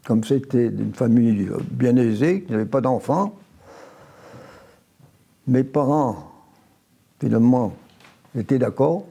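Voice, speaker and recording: Recalling memories in an oral history interview, a man in his nineties speaks in a creaky, dark, medium-pitched voice with a breathy edge. He spent early childhood in Italy and grew up near Évian in France. He takes his time, frequently starting sentences over and correcting himself.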